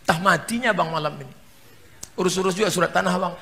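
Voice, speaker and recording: A man's voice: high-pitched, quick pace, vocal fry, long reverb tail, background noise. Man doing a fussing wife. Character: nagging wife of a repentant husband.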